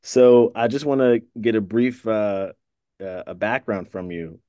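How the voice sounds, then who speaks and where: New guy hosting an interview, low dark voice, keeps saying beautiful, questions kinda ramble. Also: a little slow, clean tone, dry recording, clean studio sound. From New York. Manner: affirming, encouraging, rambling questions. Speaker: interview host. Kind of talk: casual interview.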